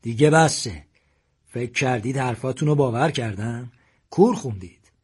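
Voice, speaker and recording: A man voicing a menacing armed man who shouts and sneers threats, husky-voiced. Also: medium pitch. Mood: angry shouting.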